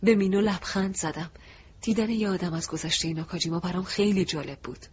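A man narrating a first-person audiobook in a soft, reflective, emotive way. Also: sits high, breathy edge. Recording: dull lo-fi recording.

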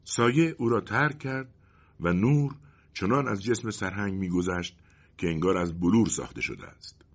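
A man narrating a story in an expressive, dramatic way with a husky voice. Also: deep voice, highs cut off.

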